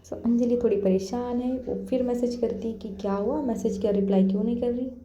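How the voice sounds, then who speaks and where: A woman's voice: on the high side, fairly even intonation, fairly quick, mellow. A woman narrating a story in a chatty, casual way, with slangy asides to her listeners. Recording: dull, roomy lo-fi recording.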